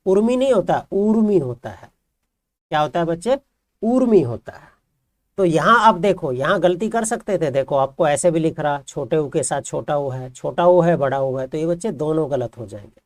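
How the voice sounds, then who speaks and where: A man's voice: fairly high pitch, lively intonation, moderate pace, no room sound. A man teaching a grammar lesson who explains patiently and keeps asking his students questions, then answering them himself. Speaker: Hindi teacher.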